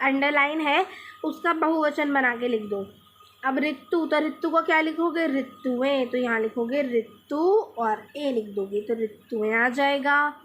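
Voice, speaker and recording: Young female teacher, high voice, patient, repeats words slowly for kids; faint hiss on the track. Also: a bit bright. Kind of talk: Hindi grammar lesson for children.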